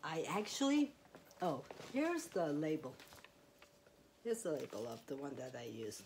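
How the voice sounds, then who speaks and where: A woman with a low voice talks through her crochet in a loose, rambling way, full of fillers. She speaks into a clip-on mic in a quiet house, with a faint hiss behind her. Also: wildly swooping pitch, measured pace. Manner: rambling, chatty, with fillers and small laughs. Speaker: crochet vlogger. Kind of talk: casual show-and-tell. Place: quiet home, indoors.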